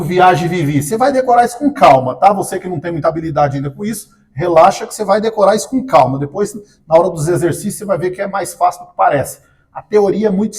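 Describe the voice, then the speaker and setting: High-voiced Brazilian man teaching grammar. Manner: jokey, asks the class questions and answers them himself; spells out example words slowly and loudly. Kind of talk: exam-prep grammar lesson.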